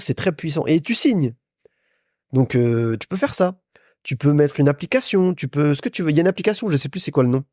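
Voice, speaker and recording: This young man's voice sits on the high side and sounds a little mellow as he hosts a casual business podcast. Addressing the listener head-on, he's chatty, repeats himself, and keeps restarting. Clean studio sound, no room echo.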